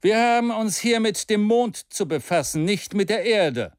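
A man reading aloud and voicing a gaunt male skeptic with a strong, grave voice, speaking in a clear, firm tone. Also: sits high, moderate pace, dry recording, studio quality, pitched above the performer's own voice, natural voice. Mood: stern. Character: gaunt, stern male skeptic, cool and challenging.

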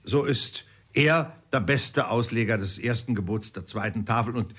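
Man as a friendly mild parson, husky voice, audiobook. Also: medium pitch, normal speed, fairly bright tone. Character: gentle, friendly male parson. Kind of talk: audiobook reading.

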